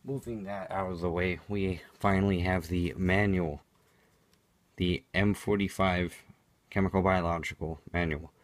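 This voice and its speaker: A man with a low voice talks through a product demonstration in a matter-of-fact, explanatory way. The sound is dry and close, with little room to it. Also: steady tone, unhurried, no room sound. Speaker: product reviewer. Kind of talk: unscripted product demonstration commentary.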